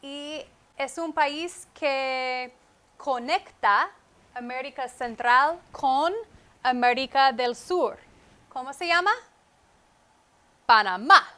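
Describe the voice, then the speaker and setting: A woman with a bright, high-sitting voice teaches Spanish at a whiteboard, speaking into a wireless microphone. She goes slowly and deliberately, repeating key words and glossing them in English, in a comprehensible-input lesson.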